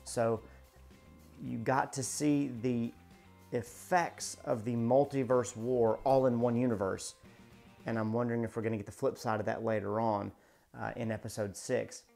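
A man's voice: medium pitch, steady tone, moderate pace, vocal fry, a little mellow, soft background music. A man in his thirties chatting through a show breakdown in a casual video, with many fillers and restarts, recorded indoors in a small studio. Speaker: show reviewer. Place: indoor home studio in front of a backdrop.

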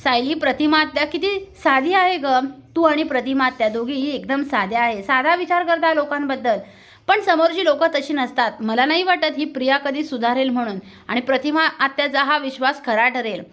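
A woman's voice: sits high, normal speed, a bit bright. A woman voicing an angry man who scolds his younger brother, in a reproachful, scornful way.

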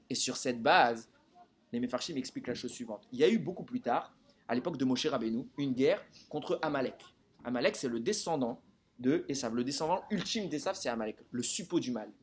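A man's voice: mid-range voice, expressive, brisk, slightly rough. A man teaching a Torah lesson to a group, keeping listeners engaged with frequent rhetorical questions.

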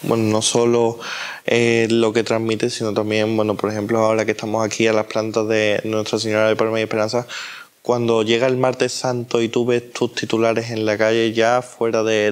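Clear, even-toned young man interviewing. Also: on the low side. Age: young adult. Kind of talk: on-camera interview. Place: inside an ornate church.

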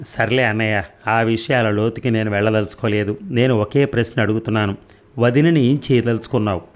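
A man voicing a younger brother who speaks in a steady, reasoning way in an audio story. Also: fairly low pitch, fairly quick, close to an everyday voice. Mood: firm.

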